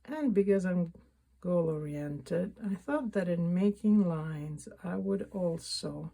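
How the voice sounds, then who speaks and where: A woman giving a casual, unscripted painting tutorial, thinking aloud in a halting way and often rephrasing mid-sentence. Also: lowish voice, lively intonation, gravelly, warm tone. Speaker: painting instructor and vlogger.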